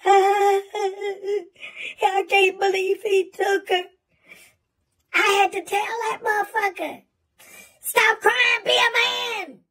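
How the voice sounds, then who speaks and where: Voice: very high-pitched, level tone, takes it slowly, long pauses, fairly bright tone, recorded from a distance, full character voice. A performer voicing a profane male monkey who preaches blunt advice in a comic rant. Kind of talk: comedic monologue.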